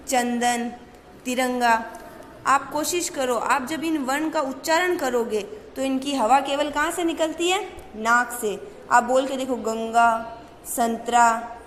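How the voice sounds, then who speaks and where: High-voiced woman teacher in echoey room. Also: a little hiss or hum. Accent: Rajasthani Hindi. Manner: asks questions and answers them herself, drawn-out stresses on key terms. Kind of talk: classroom grammar lesson. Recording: echoey room with faint ambience.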